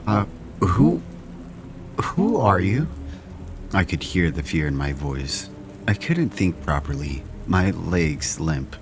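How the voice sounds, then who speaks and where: A man tells first-person horror stories in an extremely deep voice. His delivery is slow, measured and hushed. Faint rain falls in the background. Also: background noise. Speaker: horror story narrator.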